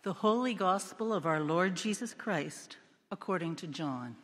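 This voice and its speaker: A woman pastor reading the gospel in a steady, solemn cadence, her voice carried by cathedral echo. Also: on the low side, unhurried, slight background noise. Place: church sanctuary. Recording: long reverb of a church hall.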